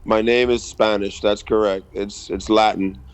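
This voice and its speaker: A man from the Bahamas in his thirties answers interview questions in a measured way, pausing on frequent ums. His voice sits fairly low and runs flat, with little rise and fall. The tone is smooth and clean. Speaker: guest reggae artist and producer. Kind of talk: casual radio interview.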